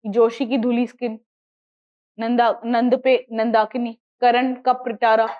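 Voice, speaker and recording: High-voiced woman teacher with Indian accent. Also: flat delivery, slow pace, highs cut off. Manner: repetitive, drills mnemonics, asks students questions. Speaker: geography teacher for exam prep. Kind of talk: classroom lecture mixing Hindi and English.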